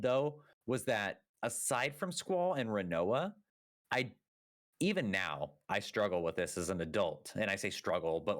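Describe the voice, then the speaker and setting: In casual podcast chat, a male co-host rambles along with plenty of fillers and self-corrections. His voice sits on the low side and is a bit bright, captured dry with clean studio sound.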